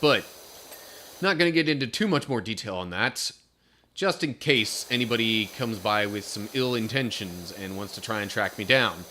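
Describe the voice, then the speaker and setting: Young man, bright voice, casual stream chatter, rambling, faint background hiss. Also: fairly low pitch, animated, normal speed. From Pennsylvania. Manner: rambling storyteller, reads chat aloud. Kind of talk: casual live-stream chat.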